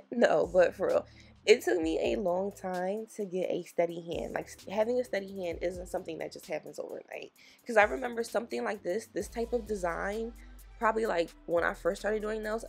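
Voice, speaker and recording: Woman, raspy just-woke-up voice, gravelly, chatty encouraging nail tutorial voice-over. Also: medium pitch. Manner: chatty and encouraging, talks straight to viewers. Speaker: nail technician.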